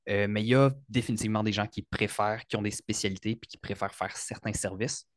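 Quebec guy, 30s, hairstylist guest, low voice, relaxed and hesitant, dry close sound. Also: fast, dry recording. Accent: Quebec French. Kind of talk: casual interview.

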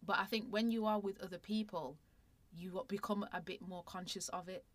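A woman's voice: medium pitch, moderate pace. Mancunian woman chatting, loose and rambly. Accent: Northern English, Manchester. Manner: relaxed, rambling with restarts. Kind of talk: casual chat.

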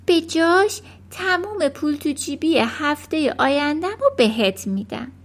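A woman's voice: high-pitched, lively intonation, voice pushed up. A woman reading a children's storybook aloud, voicing a bold, clever little girl who talks eagerly and gives orders. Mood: sly. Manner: eager, commanding.

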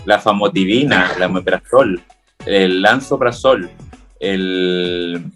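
A man's voice: deep voice, takes it slowly, a bit bright, faint music behind. A man with a Chilean accent chatting casually, rambling and joking in a campy way. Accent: Chilean Spanish. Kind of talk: casual chat.

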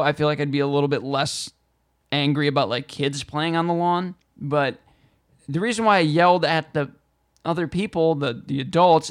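A man co-hosting a podcast in casual chat, grumbling and getting loud when something annoys him. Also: on the high side. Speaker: podcast co-host.

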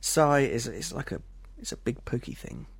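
A man's voice: medium pitch, very animated, normal speed, creaky, husky, no echo. A man from England, co-hosting a casual chat podcast, rambling with restarts and joking at his own expense. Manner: self-deprecating, rambling with restarts. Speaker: podcast co-host.

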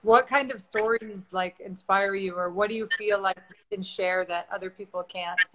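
A woman hosts a live online interview, her voice bright and forward. She chats loosely, asking questions with plenty of ums and restarts. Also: medium pitch, fairly even intonation, moderate pace, slight background noise, rough recording. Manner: chatty, many fillers and restarts. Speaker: host.

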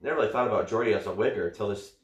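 A man's voice: lowish voice, racing. A man chatting casually on a podcast, answering questions bluntly with crude jokes and swearing. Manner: blunt, profane and jokey. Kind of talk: casual chat. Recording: echoey room.

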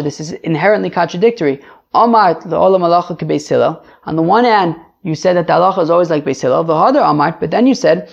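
A man teaching a daily Talmud lesson, explaining each line in an animated way with emphatic jumps in pitch. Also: vocal fry. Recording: dull lo-fi sound.

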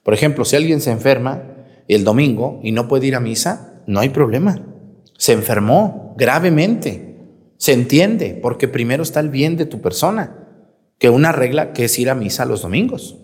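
A man's voice: medium pitch, expressive, normal speed, a little mellow. Man, priest, colloquial teasing homily, rhetorical questions, long church reverb. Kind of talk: homily at Mass.

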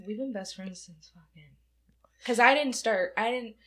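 A woman's voice: on the high side, moderate pace, crowd noise. A woman in her twenties from Michigan, co-hosting a podcast in casual chat, talkative, laughing often and swearing freely. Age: 20s. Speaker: podcast co-host.

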